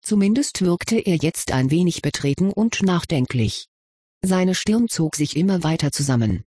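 A narrator reading fan fiction aloud as an audiobook, telling the story in a steady, even way. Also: mid-range voice, normal speed, breathy edge, no echo, clean studio sound.

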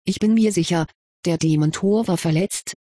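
A reader voicing a curious, kindly male wizard professor in an audiobook, questioning gently with mild amusement. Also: mid-range voice, moderate pace, husky, dry recording, studio quality, lightly acted. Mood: probing. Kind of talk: audiobook character reading.

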